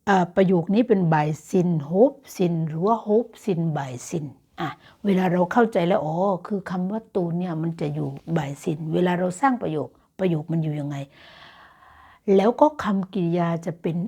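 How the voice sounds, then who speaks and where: A woman's voice: lowish voice, dark tone, breathy edge. A Thai woman teaching Dutch grammar in a casual online lesson, explaining patiently and encouraging her students. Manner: encouraging and motivational.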